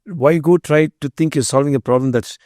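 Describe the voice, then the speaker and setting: A middle-aged Tamil-speaking man from India, the CEO of a biotech company, talks about his firm as a guest in a conversational interview. His voice is a little high and darkish, he speaks a little fast with earnest, emphatic delivery, and the recording is dry with clean studio sound.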